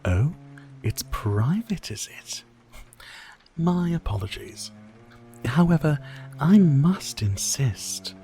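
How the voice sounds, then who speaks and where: Man playing a mellow, slow-talking sadistic vampire lord. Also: a little high, sing-song, faint music behind, full character voice. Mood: mock polite. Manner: silky, formal, theatrical, teasing, drawn-out phrasing. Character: sadistic, courtly male vampire lord, dominant and mocking. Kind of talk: ASMR roleplay, dramatic monologue to listener.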